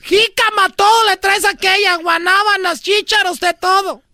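A woman's voice: extremely high pitch, steady tone, moderate pace, sharp tone, no echo, studio quality. A woman playing a jealous, nagging Mexican housewife who scolds her husband in sarcastic rants, with a Mexican accent. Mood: exasperated. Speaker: comedy sketch performer.

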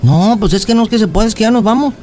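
A man's voice: sits high, fast, darkish tone, faint music behind, lightly acted. A man voicing a pleading young boyfriend in a radio prank call. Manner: pleading, swears oaths, wheedling.

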